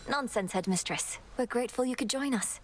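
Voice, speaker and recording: A woman's voice: a little high, fairly quick, a little hiss or hum, natural voice. A woman voicing an earnest young witch princess. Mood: teasing. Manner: polite, earnest, gently teasing. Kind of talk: video game voice acting.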